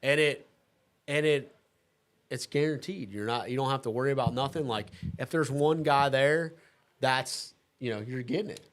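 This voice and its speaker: An easygoing man hosts a casual talk, his voice sitting at a middle pitch. He laughs readily and works through his thoughts with fillers and restarts. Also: moderate pace. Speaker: host. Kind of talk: casual chat.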